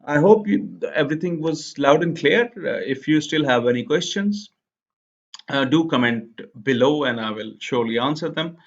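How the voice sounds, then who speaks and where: Speaking at a normal speed with an animated, fairly high voice and some vocal fry, this young man explains a process one step at a time and keeps asking "okay?" He's an Urdu speaker doing a relaxed screen-share tutorial on immigration. The setting is a small room, and the audio has a slightly muffled lo-fi quality.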